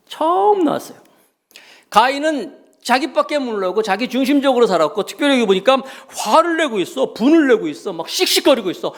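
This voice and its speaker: A middle-aged male pastor preaching a sermon emphatically, swinging between loud exclamations and hushed remarks. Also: sits high. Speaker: senior pastor.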